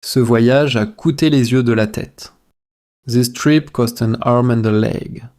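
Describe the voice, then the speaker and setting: Measured and repetitive, a man teaches language drills phrase by phrase so listeners can shadow along. His voice is mid-range and darkish in tone.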